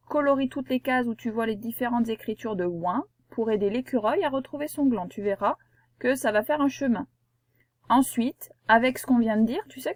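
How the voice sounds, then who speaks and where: A woman teacher giving a reading lesson to young children, patient and slow, spelling out sounds one by one. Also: on the high side, dry recording, clean studio sound. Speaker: primary school teacher.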